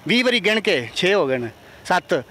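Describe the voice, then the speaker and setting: Brief: male street host, bright high voice, pushy and teasing with strangers. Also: very animated, moderate pace, slight background noise. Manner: pushy, playful, coaxing passers-by. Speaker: comic street interviewer and prankster. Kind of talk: comedic street interview. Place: outdoors on a busy street.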